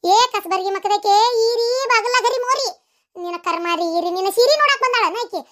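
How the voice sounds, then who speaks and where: A woman playing a high, quick, bossy mother-in-law. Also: sharp tone. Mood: scolding. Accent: North Karnataka Kannada. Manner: scolding, mocking, bossy. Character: bossy sharp-tongued older mother-in-law. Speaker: comedy sketch performer. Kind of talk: comic family skit.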